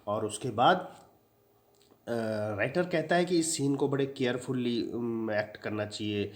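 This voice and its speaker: A man's voice: medium pitch, a little slow. A male teacher explaining a play line by line, retelling it plainly and mixing in English words.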